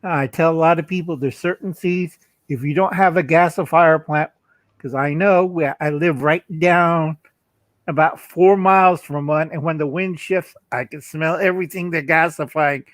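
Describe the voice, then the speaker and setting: A man's voice: a little high, steady tone, moderate pace, no echo. A man co-hosting a livestream, blunt and folksy, telling stories over a video call. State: coughing. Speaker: livestream co-host. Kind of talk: casual livestream chat.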